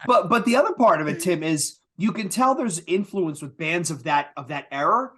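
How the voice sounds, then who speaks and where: A man's voice: high-pitched, lively intonation, normal speed, fairly bright tone, slightly rough. A man co-hosting a podcast, chatting casually and enthusiastically about music. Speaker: podcast co-host. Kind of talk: casual chat.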